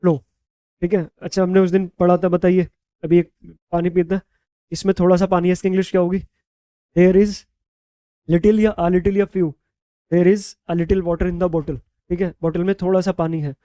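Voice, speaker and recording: High-voiced Indian man teaching English. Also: flat delivery, warm tone, smooth, no echo. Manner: repeats "ठीक है?" after nearly every point; spells words letter by letter, slows for example sentences. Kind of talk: bilingual classroom lesson.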